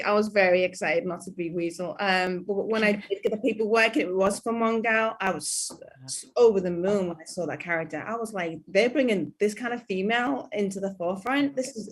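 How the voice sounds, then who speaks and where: A woman actress being interviewed at a press junket, telling stories animatedly and acting out her own reactions. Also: mid-range voice.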